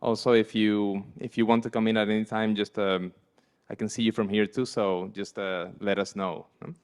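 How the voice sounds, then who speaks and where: Smooth-voiced male panel moderator. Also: fairly low pitch, level tone, normal speed. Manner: soft-spoken, hesitant with many fillers.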